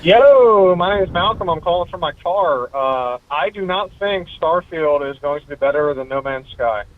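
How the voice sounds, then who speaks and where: Caller: man, slightly high voice, on a clipped, tinny phone line from his car, opinionated and casual. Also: animated, normal speed, slight background noise. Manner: opinionated, full of "like" and "you know". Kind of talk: casual call-in chat.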